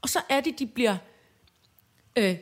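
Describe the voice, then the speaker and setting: A high, husky woman's voice chats away in a casual podcast and swoops all over her range as she tells stories. She acts out other people's voices, laughs often and trips over fillers. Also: animated. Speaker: podcast co-host. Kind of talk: casual chat.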